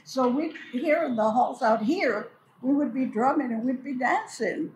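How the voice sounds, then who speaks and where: A woman's voice: high-pitched, measured pace, a little mellow. An older woman telling memories casually and unhurriedly, repeating phrases for emphasis. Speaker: storyteller and community elder recalling memories. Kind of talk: casual oral reminiscence. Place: large echoey hall at a cultural building. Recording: echoey hall with clear background noise.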